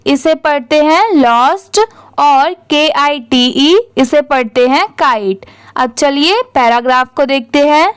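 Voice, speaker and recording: A young woman with an Indian accent leads a reading lesson, spelling each word letter by letter and then saying it whole. Her voice sits high and she takes her time. The sound is close and dry. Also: no echo. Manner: spells words letter by letter, then says them; asks and answers her own questions. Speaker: English teacher. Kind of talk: slow step-by-step reading lesson.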